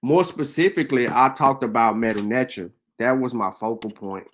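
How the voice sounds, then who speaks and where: A man with a fairly low voice speaks to his channel in a loose, unscripted monologue. He pauses often on fillers and restarts, then pushes his voice up and out when he drives a point home. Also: a little hiss or hum. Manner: hesitant, many fillers, grows louder and higher when stressing a point. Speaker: channel host. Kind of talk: casual commentary monologue.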